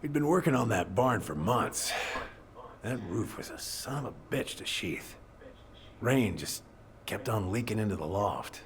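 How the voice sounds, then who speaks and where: A middle-aged American boat captain for a story game. His voice is low and gruff, swinging widely in pitch, with a wounded, defensive way of talking. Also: expressive, a little slow, noisy background. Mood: wistful, subdued. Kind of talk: dramatic video game acting.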